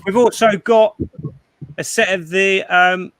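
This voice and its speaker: A man's voice: sits high, fairly even intonation, slow, fairly bright tone, smooth, no room sound. A man presenting items on a live stream, casual and easygoing. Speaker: guest trader. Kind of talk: casual livestream chat.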